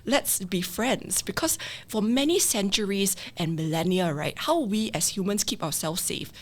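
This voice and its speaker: A woman with a Singaporean English accent, a leadership expert guest on a podcast, explaining with lively acted-out quotes. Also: medium pitch, normal speed. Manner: animated, acts out quoted people. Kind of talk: podcast interview.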